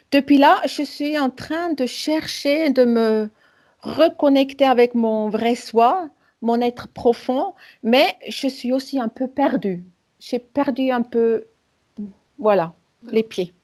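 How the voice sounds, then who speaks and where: A woman with a fairly high voice and a very slow delivery. She is a native Swiss German speaker with a Swiss German accent, and her French is broken, with small grammar slips. She talks conversationally about herself as a client in a session. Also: a little mellow. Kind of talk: conversational personal account.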